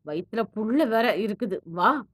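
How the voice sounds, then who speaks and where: A woman's voice: a little high, expressive, a little slow. A woman voicing an anxious, protective middle-aged aunt who pleads and frets in an audio story. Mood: pleading. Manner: pleading, fretful.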